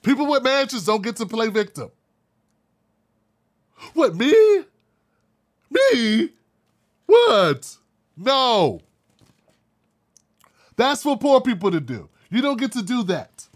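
A man with a fairly high-pitched voice delivers a blunt, heated opinion monologue. He rants in casual, profane talk and mocks others in quick put-on voices. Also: very animated. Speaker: commentary show host.

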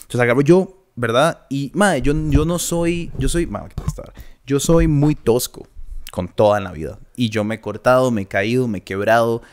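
A man's voice: medium pitch, moderate pace, smooth. A young man with a Costa Rican accent, co-hosting a podcast and telling a long story in casual chat, acting out the voices he quotes. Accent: Costa Rican Spanish. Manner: animated anecdote-telling, acts out quoted voices, laughs often. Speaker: podcast co-host.

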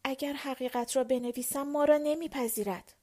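A woman voicing a frightened young woman in a storybook reading, speaking in a soft, hesitant murmur. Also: high voice, steady tone, voice pushed up, lightly acted. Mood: timid.

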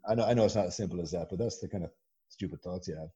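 A man with a west of Ireland accent, telling stories as a chatty, animated guest in a casual conversation. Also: low-pitched, very fast, lo-fi sound. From Galway, west of Ireland. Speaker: podcast guest.

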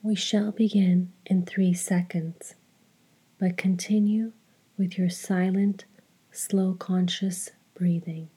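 A woman leading a guided meditation in a soft, hushed, breathy voice, speaking in a measured way with long pauses. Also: on the low side, flat delivery, rough recording. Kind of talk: slow guided meditation narration.

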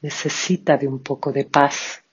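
A yoga instructor leading a guided breathing meditation, giving calm, soft-spoken instructions and counting out breaths. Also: medium pitch, unhurried, breathy edge. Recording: dull lo-fi recording.

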